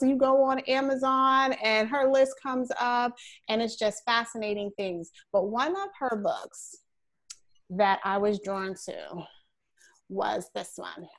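A woman's voice: fairly high pitch, creaky, a bit bright. A woman hosts a casual online interview, taking her time over each phrase. She talks in a chatty way and stretches out the words she wants to stress. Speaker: host.

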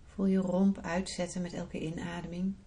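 A woman podcast host guiding a relaxation visualisation in a soft, soothing, unhurried manner. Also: lowish voice, level tone. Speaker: podcast host, breathing therapist and yoga teacher.

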